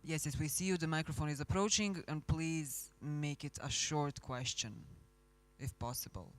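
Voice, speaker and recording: A somewhat high-pitched man moderates a conference panel, polite and lightly joking. He keeps things moving as he calls on the audience for questions. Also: normal speed. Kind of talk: moderating a forum. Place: conference hall.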